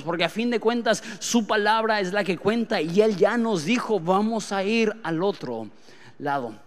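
A man, preaching a sermon in a conversational way, dropping to quiet asides and rising to loud, emphatic outbursts. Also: high voice, long reverb tail. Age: late 20s. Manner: conversational, uses rhetorical questions.

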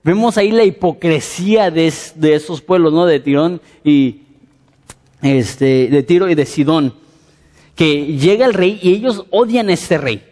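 A man preaching a sermon, animated and conversational with frequent fillers. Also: a little high, unhurried, long reverb tail.

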